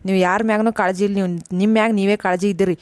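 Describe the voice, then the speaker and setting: A woman's voice: medium pitch, level tone, darkish tone, clear, resonant tone, dry recording, natural voice. A woman voicing an exasperated grown son and husband in a cartoon, scolding in a North Karnataka accent. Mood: bitter. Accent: North Karnataka Kannada. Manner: scolding, fed-up, rapid complaining. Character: exasperated adult son and husband caught in family fights. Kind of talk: cartoon voice acting.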